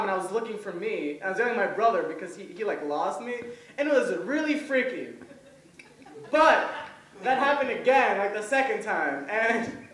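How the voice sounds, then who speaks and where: A young stand-up comedian, a native Hebrew speaker, works through his debut set at a comedy event, chuckling at his own material and filling gaps with "um." His voice is high-pitched and fairly bright, and the roomy recording makes him sound distant.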